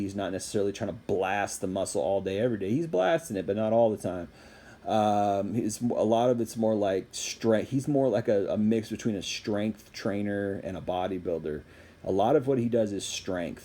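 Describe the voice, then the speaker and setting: A man's voice: lowish voice, mellow. A man giving a casual, rambling opinion monologue as a fitness commentator, repeating phrases for emphasis.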